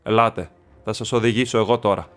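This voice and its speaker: A man's voice: lowish voice, steady tone, fairly bright tone, faint music behind, natural voice. A man reading an audiobook voices a steadfast warrior leader with urgent, rousing calls.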